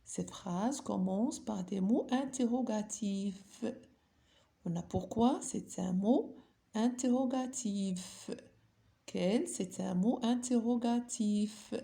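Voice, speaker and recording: Woman teacher going thru grammar real slow, dark gravelly voice, asks then answers. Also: mid-range voice. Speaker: French teacher. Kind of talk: grammar lesson for learners.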